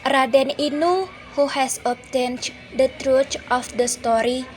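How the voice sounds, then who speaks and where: A woman's voice: high-pitched, fairly even intonation, slow pace, slight background noise, low-quality recording. Young woman narrating with an Indonesian accent. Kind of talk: read-aloud story narration.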